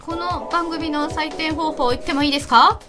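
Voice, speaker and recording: A woman's voice: high voice, normal speed, loud music behind the voice. A woman co-presenting in a hesitant, playful way, often fumbling for words. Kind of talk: casual banter.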